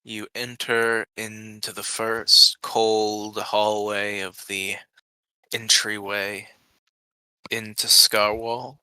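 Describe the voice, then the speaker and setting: A man's voice: fairly low pitch, monotone, very slow, pushed and bright, smooth, no room sound, rough recording. A man narrating a tabletop game as its game master.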